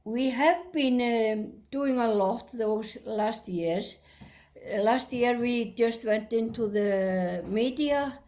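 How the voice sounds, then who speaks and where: A woman's voice: on the high side, slow pace, darkish tone. A woman from Iceland, chair of a drama association, speaking cheerfully in an online webinar with fillers. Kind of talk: webinar presentation.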